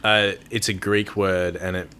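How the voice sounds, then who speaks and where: A man's voice: low voice, measured pace, crowd noise. A man, a band member guest, talking casually and hesitantly with many fillers. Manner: relaxed, hesitant storytelling with fillers. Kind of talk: casual interview chat.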